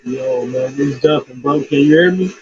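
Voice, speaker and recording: A man's voice: mid-range voice, moderate pace, darkish tone, husky, no echo. Muffled man calling in over a distorted phone line. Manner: laid-back, slangy, rambling. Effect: muffled, distorted phone line, as if talking through a water hose. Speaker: caller. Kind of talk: casual call-in chat.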